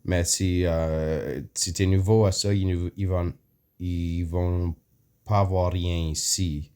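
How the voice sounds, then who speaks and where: Slow and low, with a steady, dark tone, this man guides viewers through an app in a relaxed screen tutorial. He is a native English speaker with an English Canadian accent who hesitates, leans on fillers, mixes in English words, and keeps clearing his throat.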